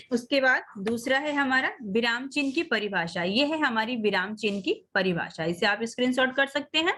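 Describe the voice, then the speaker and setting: Woman teacher, high voice, online class over a video call, slow drawn-out examples. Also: animated, fairly bright tone. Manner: coaxing, addresses children as beta.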